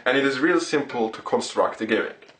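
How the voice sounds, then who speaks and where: A man presenting card tricks and explaining them step by step, in deliberate, short broken phrases. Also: mid-range voice, expressive, fairly bright tone. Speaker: magic tutorial presenter. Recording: roomy echo, distant microphone.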